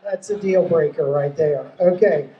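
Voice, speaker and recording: High-voiced upbeat male emcee in a hall. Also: unhurried, distant mic, highs cut off. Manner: upbeat, stumbling over words. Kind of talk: live event hosting. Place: ballroom at a charity dance gala. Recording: echoey hall, mic from afar.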